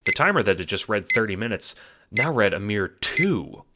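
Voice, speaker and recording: Amid heavy background noise and music, a lowish male voice with big pitch swings moves at a moderate pace. He narrates and produces a scripted story in the second person, performing it in a dramatic storytelling manner.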